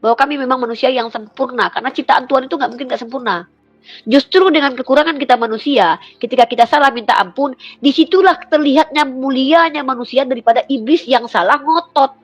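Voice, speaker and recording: A middle-aged woman with a fairly high voice, debating with insistent, rhetorical force. She keeps pressing her opponent with pointed questions and shifts between lively outbursts and calmer explaining. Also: fast, breathy edge, soft background music. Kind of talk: heated religious debate.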